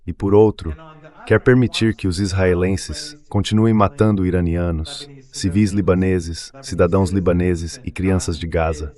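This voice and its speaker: The voice is a synthetic translated dub of political commentary, giving a professor and commentator interviewed as a guest a very low, slightly mellow male sound. Earnest and emphatic, he drives points home by stacking repeated phrases.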